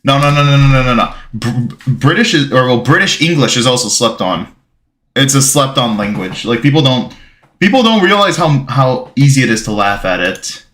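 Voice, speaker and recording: Bright-voiced Bulgarian-born streamer man. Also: mid-range voice, expressive, normal speed. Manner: rambling, reads chat aloud, thanks followers. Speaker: gaming livestreamer. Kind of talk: casual livestream chat.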